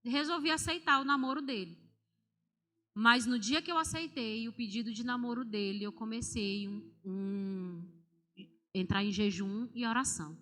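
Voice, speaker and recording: A woman tells her personal testimony to a church congregation. She speaks in an animated, confiding way and talks straight to the listeners. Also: fairly high pitch, moderate pace. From Brazil. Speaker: church member giving testimony. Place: large church sanctuary during a service. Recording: long church reverb, music underneath. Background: instrumental worship music.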